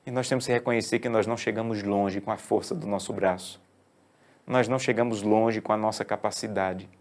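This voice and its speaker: A man preaching a sermon, swinging from hushed, slow phrases to emphatic raised lines. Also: on the low side, fairly even intonation. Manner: preaches with wide swings from hushed to emphatic, slowing on key words.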